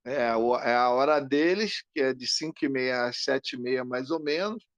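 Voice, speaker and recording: A man co-hosting a podcast, telling an animated story in casual chat and acting out the lines of the people in it. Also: medium pitch, moderate pace, dry recording. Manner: animated, acts out quoted lines. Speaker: podcast co-host.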